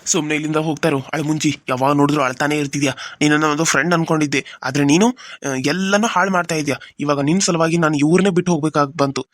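A man's voice: a little high, fairly even intonation, fast, a bit bright, no echo, studio quality, natural voice. A man voicing a moody young husband in a cartoon serial, brooding and harsh by turns. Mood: angry. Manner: brooding, harsh, then pleading. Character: young husband, moody, torn between two women.

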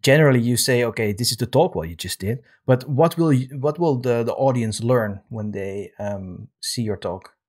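A man in his thirties from Europe hosting a casual video interview from a home studio with a desk microphone, relaxed and full of um fillers. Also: medium pitch. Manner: relaxed, many um fillers, drawn-out questions. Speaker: host. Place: home studio room with guitars on wall. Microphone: large desk microphone with headphones.

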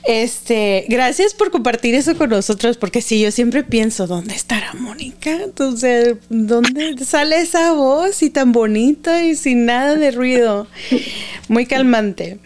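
A woman hosting a podcast, asking unhurried, friendly questions in casual conversation. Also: on the high side, a little mellow. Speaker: podcast host. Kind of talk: conversational interview.

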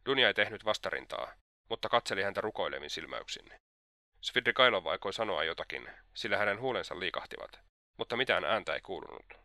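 Deep-voiced man reading an audiobook. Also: animated, bright, forceful tone, dry recording, clean studio sound. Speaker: audiobook reader. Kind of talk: audiobook narration.

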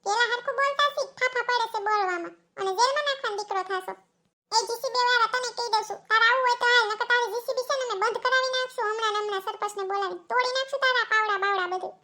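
Shrill village women, middle-aged and bossy, scold and shout in a comedic cartoon, speaking with Kathiawadi Gujarati accents. The female voices are very high and bright, rushing along as they nag and holler in a scolding mood.

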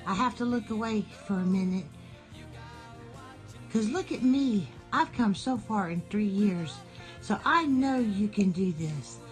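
A woman voicing a young female pet dog who talks in a gentle, childlike, reassuring way. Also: mid-range voice, animated, a little slow, soft background music, close to an everyday voice, low-quality recording. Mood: sweet.

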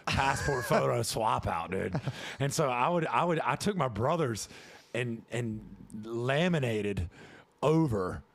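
A man in his late thirties hosting a podcast, chatty and joking, dropping "dude" often, on a boom mic in a podcast studio. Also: animated, measured pace, creaky, dry recording. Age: 30s. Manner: chatty, jokey, frequent "dude" and "yeah". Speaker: podcast host. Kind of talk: casual chat.

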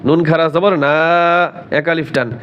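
A man teaching Quran recitation, spelling words out letter by letter, quizzing learners, and chanting verses slowly and drawn out. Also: on the high side, muffled recording. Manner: drills letter by letter, asks learners questions, slow drawn-out chanting.

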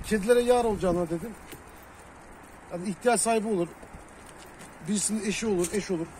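A high-pitched man talks quietly and half-mumbles, as if standing off to the side. He chats casually outdoors by a pigeon loft, with faint city noise behind him. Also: fast talker, low-quality recording. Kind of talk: casual chat.

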